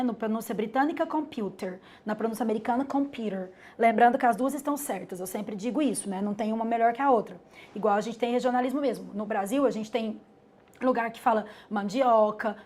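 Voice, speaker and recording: A Brazilian woman with a slightly high voice teaches a live webinar lesson. She talks in a chatty, explaining way, calls herself "the teacher", and keeps checking in with "né?" as she walks through her points. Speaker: English teacher.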